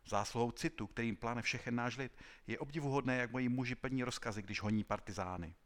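A man's voice: mid-range voice, a bit bright, lightly acted. A man voicing an eager, boastful middle-aged male general who praises his troops.

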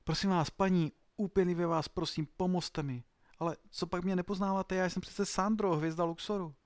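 A man's voice: mid-range voice, no echo, clean studio sound, lightly acted. A man voicing a desperate, washed-up male footballer of about thirty, pleading in a raised, strained voice.

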